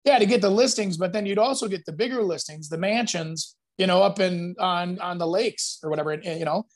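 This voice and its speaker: A man's voice: sits high, brisk. Rambling man telling real estate stories. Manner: rambling storyteller who acts out other people's lines. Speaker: real estate agent, guest. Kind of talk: casual podcast chat.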